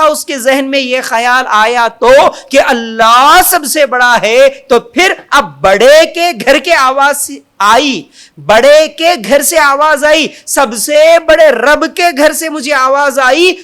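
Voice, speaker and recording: A man's voice: extremely high pitch, sharp tone. A man preaching a sermon, building long repeated lists and rhetorical questions and stretching out the call of God's greatness. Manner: emphatic, drawn-out takbir calls. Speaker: Islamic preacher. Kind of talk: Urdu sermon.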